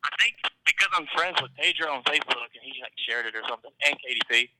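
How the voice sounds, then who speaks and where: A man's voice: mid-range voice, fast talker, pushed and bright, a little hiss or hum, rough recording. A man phoning in to a talk show, heard over a phone on speakerphone, chatting casually and calling people man and dude. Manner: laid-back, calls people man and dude. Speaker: phone-in caller.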